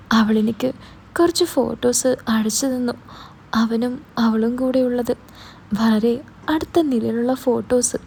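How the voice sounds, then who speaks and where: A woman's voice: fairly high pitch, dark tone, a little hiss or hum, close to an everyday voice. A woman voicing a heartbroken nineteen-year-old girl who tells her story through tears, in broken, pleading phrases.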